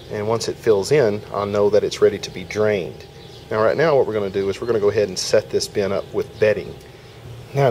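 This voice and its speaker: A man with a lowish, darkish voice hosts a homestead video, casually talking viewers through a hands-on demonstration outdoors in a yard. He's folksy and explains each step as he works, with a little hiss or hum in the audio.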